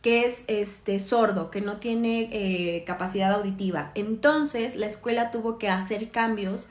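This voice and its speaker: A woman's voice: medium pitch, a little slow. A woman, a therapist and mother speaking earnestly on a phone live stream. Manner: earnest, explanatory, with self-corrections. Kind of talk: live-stream parenting talk. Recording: roomy echoey room.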